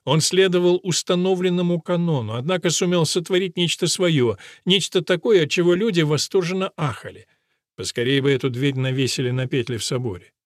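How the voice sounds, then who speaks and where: A man reading an audiobook in a steady, even storytelling manner. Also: a little high, a little fast, no echo, clean studio sound. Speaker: audiobook narrator. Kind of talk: scripted audiobook narration.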